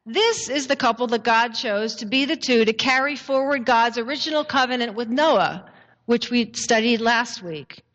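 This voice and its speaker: Woman pastor, slow deliberate sermon delivery, slightly high voice, long reverb of a sanctuary on a dull recording. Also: a bit bright. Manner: slow, measured preaching with dramatic pauses. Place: church sanctuary. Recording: echoey sanctuary, dull lo-fi sound.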